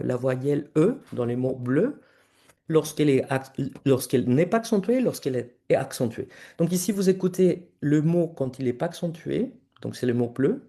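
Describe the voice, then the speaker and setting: A man's voice: medium pitch, dark tone. A male researcher giving an academic conference presentation, explaining his slides step by step and talking directly to the audience.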